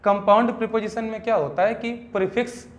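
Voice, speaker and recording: A man from India with a Hindi accent, teaching a grammar lesson in class and constantly quizzing his students with quick questions. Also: high-pitched, steady tone. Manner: keeps asking the class quick check questions.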